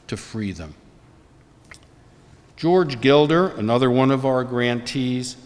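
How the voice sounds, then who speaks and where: An older man delivers a prepared memorial eulogy, reading his formal remarks in a measured, deliberate way. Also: medium pitch. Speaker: eulogist, former colleague and professor. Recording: long hall reverb.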